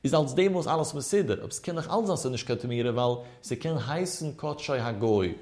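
Expressive and fairly quick, a man with a medium-pitched, darkish voice teaches Talmud as a religious teacher. His sing-song study chant carries him through the explanation step by step as he asks questions and answers them himself.

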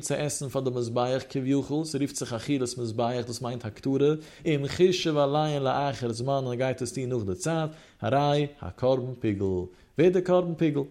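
A man's voice: mid-range voice, warm tone. A man giving a Torah lesson in a singsong study-hall cadence, with Hebrew terms mixed into his speech. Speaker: Torah teacher. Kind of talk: Yiddish-inflected Talmud lecture.

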